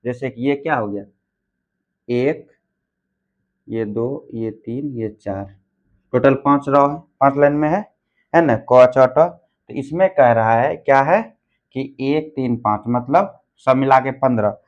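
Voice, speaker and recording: A man at an average pitch teaching a grammar lesson for exam preparation. He poses questions to his students and answers them himself, counting items out and going back over each point. The recording sounds a little dull and lo-fi. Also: takes it slowly. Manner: repeats and counts things out.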